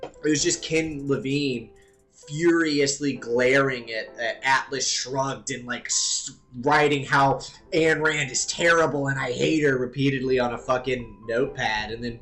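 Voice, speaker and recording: Guy streaming and rambling, mid-pitch voice, bit of guitar music faint behind him. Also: a little slow, fairly bright tone. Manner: rambling, thinks aloud, swears casually. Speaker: live-stream host. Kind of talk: casual live-stream chat.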